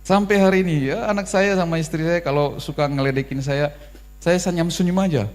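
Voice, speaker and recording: Storytelling pastor over a mains hum. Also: male voice, on the high side, brisk. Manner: storytelling sermon with lively voiced asides. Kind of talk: sermon.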